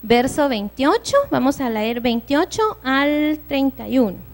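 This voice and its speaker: A woman's voice: high-pitched, animated, unhurried, faint music behind. A woman giving a church sermon, preaching earnestly and conversationally with personal stories.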